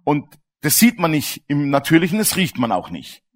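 A man's voice: on the high side, wildly swooping pitch, moderate pace. A man preaching a sermon in a colloquial, storytelling way, turning to his listeners with questions. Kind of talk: sermon with personal stories.

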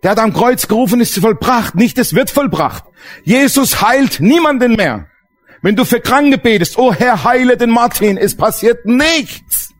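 A man's voice: very high-pitched, lively intonation, measured pace, soft background music. A man preaching a sermon as pastor, emphatic and asking the congregation questions.

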